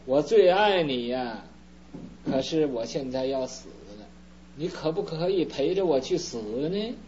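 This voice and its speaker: Brief: man voicing a frail old father, low, slow, pleading, lo-fi recording with faint hum. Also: lively intonation, warm tone.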